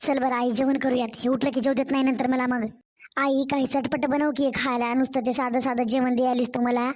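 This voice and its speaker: A woman's voice: high-pitched, flat delivery, a little fast, a little mellow, natural voice. A woman voicing a weary young new mother, complaining and pleading to her own mother in a cartoon story. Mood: tired.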